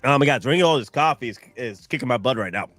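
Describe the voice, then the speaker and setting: A man's voice: medium pitch, animated, fast talker, fairly bright tone, dry recording, soft background music. A man in his thirties with a Southern American accent, chatting loosely on a live stream, tired and rambling with restarts and asides to his viewers. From United States. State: tired, sleep-deprived. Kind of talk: casual live-stream chat.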